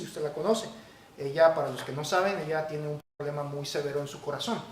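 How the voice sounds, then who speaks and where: A man preaching a sermon as pastor, emphatic and building to forceful peaks. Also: a little high, distant mic. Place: church hall. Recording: echoey church hall, faint noise.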